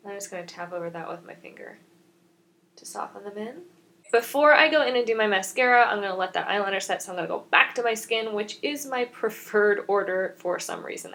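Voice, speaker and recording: A woman's voice: mid-range voice, a bit bright. Chatty woman narrating a makeup routine. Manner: rambling, self-mocking, explains each step. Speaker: beauty vlogger.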